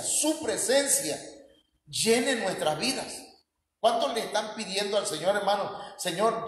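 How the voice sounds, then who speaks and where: A man's voice: high voice, slight background noise. A man with a Mexican Spanish accent preaching a sermon in a folksy, joking way and putting questions to the congregation. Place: church hall. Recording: echoey church hall with long reverb.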